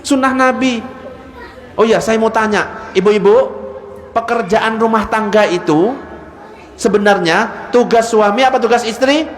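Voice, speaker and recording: A man's voice: high-pitched, measured pace, long pauses. A young man preaching a humorous religious sermon, teasing his audience with questions. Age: young adult. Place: large hall with a live audience. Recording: echoey hall with audience laughter.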